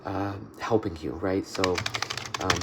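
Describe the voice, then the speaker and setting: A man with a low-pitched voice does a soft-spoken ASMR role-play as an interviewer. He talks haltingly and circles back over his phrases. Loud noise with clicking and typing runs through the recording. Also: steady tone. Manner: halting, repeats and rephrases phrases. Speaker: ASMR performer playing a job interviewer. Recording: noisy, with clicking and typing sounds.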